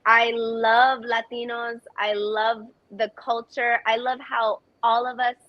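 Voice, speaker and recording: A woman's voice: a little high, level tone, slow, no echo. Earnest woman actress on dull remote audio. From United States. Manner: earnest, reflective, frequent restarts. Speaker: actress, guest. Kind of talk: conversational interview answers.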